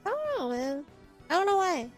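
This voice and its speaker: A woman's voice: very high voice, very animated, normal speed, faint music behind. A woman streamer in casual chat, rambling and tripping over her words, her mic clipping and distorted. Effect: clipping, distorted loud mic. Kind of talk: casual chat while gaming.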